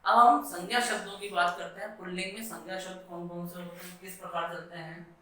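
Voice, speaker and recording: A man's voice: high-pitched, flat delivery, sharp tone. A man teaching schoolchildren at a blackboard, patiently explaining, asking and answering his own questions, and drawing out each stressed word. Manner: drawn-out, stressed Sanskrit words. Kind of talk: classroom lesson at a blackboard. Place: classroom. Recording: echoey room, voice from a distance.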